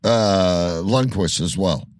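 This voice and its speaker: A man's voice: sits low, slow pace, darkish tone, dry recording, studio quality. A man hosting a casual sports podcast, talking loosely with many restarts and fillers. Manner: rambling, stumbles and restarts, fillers. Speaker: podcast host.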